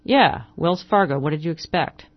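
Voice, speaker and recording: Reader putting on a fussy grumpy agent guy, higher and louder, whiny, kinda dull lo-fi sound. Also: animated, moderate pace, close to an everyday voice. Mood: irritable. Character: irritable fussy male hotel agent.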